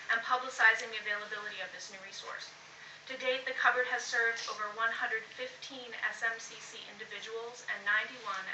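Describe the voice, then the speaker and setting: A woman's voice: a little high, sharp tone. A woman presenting a college award, reading a formal scripted tribute aloud to honour a student. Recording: echoey room, distant mic, noisy.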